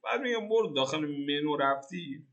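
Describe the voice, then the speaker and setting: A man's voice: a little high, animated, a bit bright, dull audio. A young man from Iran giving a casual, joking coding tutorial over a screen recording and thinking aloud in slang. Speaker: programming tutor.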